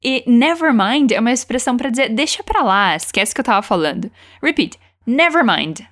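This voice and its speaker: A woman teaching English, encouraging learners and slowing down to model each phrase for them to repeat. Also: fairly high pitch, animated, a bit bright. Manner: encouraging, slows down to model pronunciation. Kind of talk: language lesson with repeat-after-me drills.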